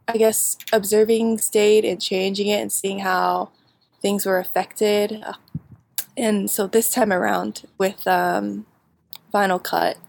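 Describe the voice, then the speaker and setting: A young woman answering interview questions about her bootcamp projects, halting with many fillers and frequent laughs. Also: mid-range voice, gravelly. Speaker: bootcamp graduate.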